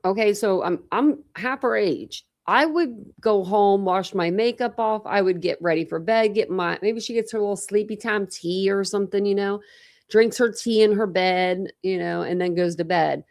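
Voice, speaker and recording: This forties-aged true crime streamer chats loosely with her audience, rambling and thinking aloud. She has a mid-range, slightly mellow voice at a moderate pace, and her dental retainer causes a slight lisp.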